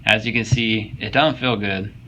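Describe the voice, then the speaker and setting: A man's voice: fairly low pitch, fairly even intonation, moderate pace, pushed and bright, a little hiss or hum, low-quality recording. A young man casually commenting on workout footage, joking and swearing as he coaches viewers. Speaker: fitness vlogger.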